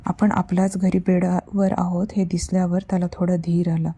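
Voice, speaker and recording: A woman storyteller reading a horror story in a slow, hushed, suspenseful way. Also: lowish voice, level tone, breathy edge. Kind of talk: scripted horror narration.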